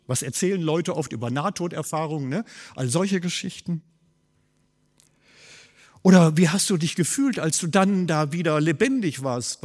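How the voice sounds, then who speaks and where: A man gives a sermon, his husky voice swinging between loud, stressed phrases and quiet, low asides. The long reverb of a church hall trails after each line. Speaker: pastor.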